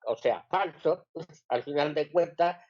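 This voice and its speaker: A man's voice: fairly high pitch, takes it slowly, darkish tone, no echo, dull audio. A man reasoning aloud in political analysis on a radio panel, checking in with listeners as he goes. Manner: reasoning aloud, tags lines with "¿sí?" and "¿eh?".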